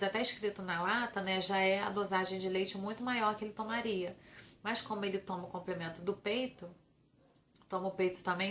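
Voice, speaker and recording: A young Brazilian mother talks straight to camera at home, loose and rambling, often restarting her sentences. Her pitch sits mid-range and her pace is ordinary. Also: a bit bright. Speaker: vlogger and new mother. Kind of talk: casual chat to camera.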